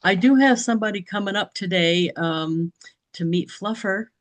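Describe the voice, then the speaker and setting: The audio is poor, but you can hear a woman with a mid-range voice talking at normal speed. She's a business training participant chatting loosely in a group meeting, with many restarts and light laughter.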